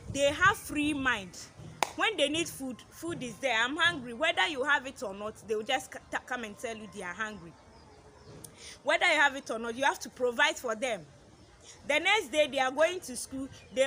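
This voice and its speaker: A woman's voice: high-pitched, pushed and bright, a little hiss or hum. A woman, a mother, giving earnest advice to other mothers in a casual vlog, repeating her points and acting out what children say. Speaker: parenting advice vlogger, mother.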